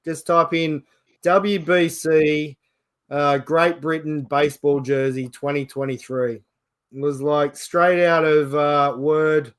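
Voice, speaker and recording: A man's voice: on the high side, steady tone, slow pace, clear, resonant tone. A man with an Australian accent hosting a casual sports chat show.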